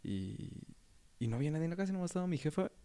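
A man's voice: a little high, sing-song, very fast, vocal fry, warm tone, clean tone. A young man with a Mexican Spanish accent, hosting a casual chat and telling a rambling, slang-filled story with frequent laughter. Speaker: podcast host.

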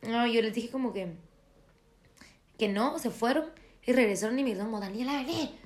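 A woman's voice: a little high, fairly quick. A young woman, chatting casually and acting out quoted dialogue as she tells a story. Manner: animated, acts out quoted dialogue.

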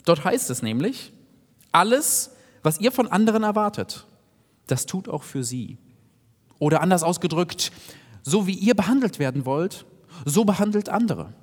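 A man preaching a sermon in an earnest, direct way, sometimes dropping to soft asides. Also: on the high side. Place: church hall. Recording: long hall reverb.

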